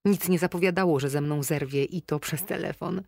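A woman's voice: sits low, brisk, a little mellow, dry recording, studio quality. A woman reading an audiobook, voicing a heartbroken young woman who sounds tired and strained, sniffling through the call. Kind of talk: audiobook character voice.

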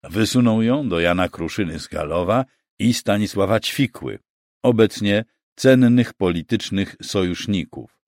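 A man narrating a historical story in an expressive, scripted storytelling style. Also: low voice, no room sound, studio quality.

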